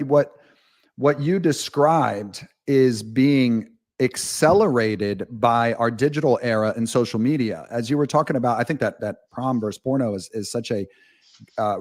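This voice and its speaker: A man's voice: mid-range voice, darkish tone. A man as a podcast guest, speaking candidly and at length in a rambling storytelling manner with frank asides. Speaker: guest, author. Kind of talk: casual podcast conversation.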